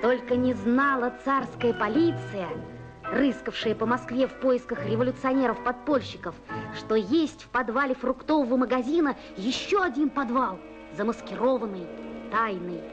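A woman narrating a scripted children's documentary newsreel in measured storytelling phrases with deliberate pauses, on an old film soundtrack with music. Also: a little high. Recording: dull 1980s film soundtrack, music behind.

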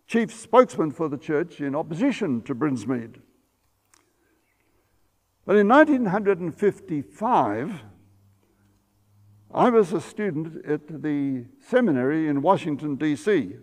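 An old man in his eighties sits at a table in a church sanctuary and lectures as a pastor, recalling events in a steady, measured way. His voice sits a little high for a man. The room adds a long, lingering reverb. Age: 80s. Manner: measured storytelling, some self-corrections. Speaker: pastor giving a history lecture.

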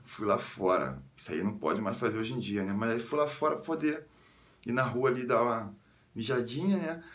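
Slangy Carioca man telling stories. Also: echoey room. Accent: Carioca Brazilian Portuguese. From Rio de Janeiro suburbs, Brazil. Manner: slangy, animated, jumps into high squeals when quoting others. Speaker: vlogger. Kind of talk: casual storytelling.

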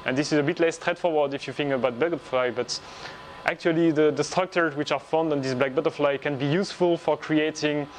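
Filmed indoors in a laboratory, a man in his thirties who leads a research group explains his work in a measured manner, pausing often. His voice is a little high with fairly even intonation, and there is slight background noise.

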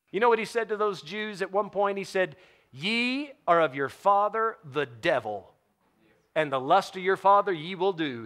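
A man pastor preaching a sermon, telling the story with lively emphasis and acting out the characters. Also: sits high. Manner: animated storytelling, acts out voices and laughs often.

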